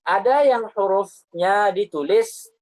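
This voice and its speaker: A woman teaching a Quran recitation lesson, explaining patiently and reciting example words slowly and repeating them. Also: mid-range voice, a little mellow, rough recording.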